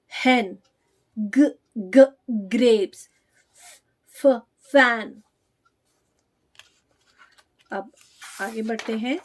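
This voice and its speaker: A woman gives a phonics lesson for parents of small children. Her voice sits high, and she speaks slowly. She repeats each letter sound with care before she moves on. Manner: slow, drawn-out demonstration of letter sounds. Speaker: pre-primary teacher.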